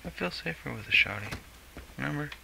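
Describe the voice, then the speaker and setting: A man's voice: medium pitch, lively intonation, a little fast, creaky. A young man doing let's play commentary, tired and mumbling sarcastic remarks to himself. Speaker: gamer. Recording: noisy home mic recording.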